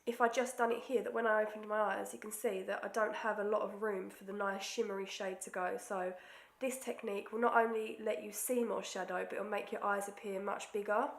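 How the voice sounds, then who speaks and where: A young woman with a stuffy nose from a cold does a makeup tutorial as a beauty vlogger, chatting casually, joking at her own expense, and lowering to near-whispers when she concentrates. Her medium-pitched voice is gravelly and level, fairly quick with few pauses. The room echoes.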